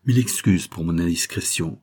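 A mysterious young viscount, calm and self-assured with a teasing edge, as a male narrator voices him. The tone is a little lifted above the reader's own low register. The husky grain of the narrator's voice stays underneath. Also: brisk. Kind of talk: audiobook character reading.

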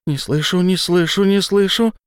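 A hysterical young woman in an audiobook, wailing over and over in a raised, high voice, as a male narrator puts her on. The voice stays smooth and resonant in a dry, close recording. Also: steady tone, normal speed, no echo, close to an everyday voice. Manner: wailing repetitions. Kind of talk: audiobook character voice.

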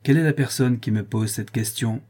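A man's voice: medium pitch, a little fast, dark tone, close to an everyday voice. A man voicing a defiant young nobleman accused before a tribunal, speaking with raised, indignant force.

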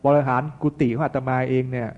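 A Buddhist monk preaches a storytelling sermon in a chatty, folksy manner full of asides. His mid-pitched male voice comes through a narrow, phone-like sound. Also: steady tone, fast talker.

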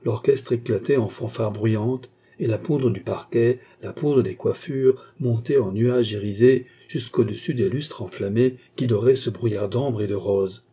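A man narrating an audiobook in a measured, even reading. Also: mid-range voice, husky.

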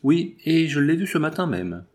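A hunted mother frets aloud in anxious, pleading thoughts, as a man reads her lines. The reading sits a little above his usual pitch. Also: sing-song, moderate pace, a little mellow. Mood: desperate. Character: hunted, desperate mother, middle-aged woman.

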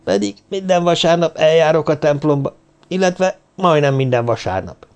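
A man's voice: fairly high pitch, lively intonation, darkish tone, clear, resonant tone, pitched above the performer's own voice. A man voicing a relieved old village woman in a plainly read audiobook. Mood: sheepish.

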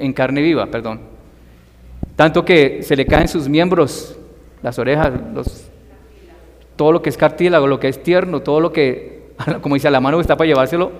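A man preaching a sermon in Spanish, emphatic and expressive, sometimes calling out loudly. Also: a little high, big-room sound. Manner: emphatic, rising to loud acted cries for quoted voices.

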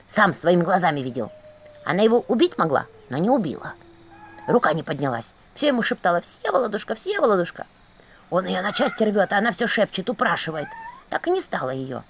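A secretive old house spirit, voiced by a woman reader, murmuring his warnings in a low, confiding hush. His telling still rises and falls with feeling, a storybook creature leaning in to share what he knows. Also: sing-song, fairly quick, slight background noise, close to an everyday voice.

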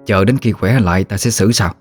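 Commanding elderly matriarch, read by a man in his own low voice, measured and unhurried. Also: soft background music, natural voice. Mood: stern. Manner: slow, calm, authoritative. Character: stern elderly grandmother, family matriarch.

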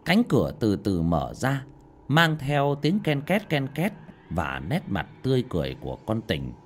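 A man narrating a scripted horror story in a dramatic, expressive manner. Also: mid-range voice, moderate pace, a little hiss or hum.

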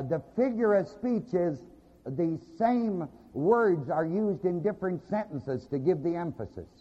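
A man's voice: fairly high pitch, dark tone, husky. A man preaching a sermon to a congregation, stopping often to ask them to finish his sentences. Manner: asks the congregation fill-in questions; repeats "you bet your life". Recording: lo-fi with long hall reverb.

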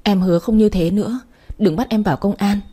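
A man's voice: high-pitched, brisk, warm tone, slightly rough. A woman reading the pleading lines of a desperate young male thief in a spoken story.

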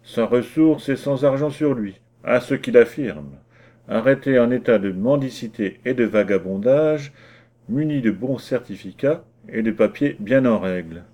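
A man's voice: mid-range voice, measured pace, dark tone, lightly acted. A man voicing an officious gendarme in a storybook reading, speaking in stiff, formal terms. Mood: official. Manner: formal, rule-reciting speech.

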